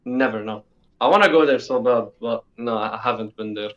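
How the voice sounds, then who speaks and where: A sixteen-year-old young man speaks briskly at a medium pitch, sounding bored on a dull call. He's a guest in a casual conversational interview, talking informally and repeating himself for emphasis.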